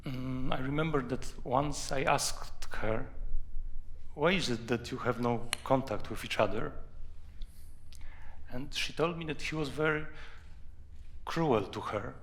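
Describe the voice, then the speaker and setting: A Polish man with a Polish accent and a creaky voice, an author telling personal anecdotes in a halting, deliberate way. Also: mid-range voice, fairly bright tone. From Poland. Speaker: author, guest. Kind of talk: anecdotal storytelling at a live talk.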